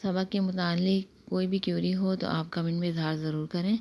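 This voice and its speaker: A woman with a fairly low voice teaches tajweed, stretching each recited word very slowly. Between verses she explains the rules at a brisk pace. She repeats single syllables so learners can copy them. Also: level tone, highs cut off. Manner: alternates slow drawn-out Arabic recitation with quick explanations. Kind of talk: tajweed lesson with slow recitation.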